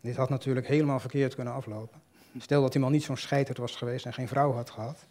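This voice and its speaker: A man calmly reading a literary short story aloud in a measured, storytelling way. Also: medium pitch. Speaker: reader. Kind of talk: scripted narration of a short story.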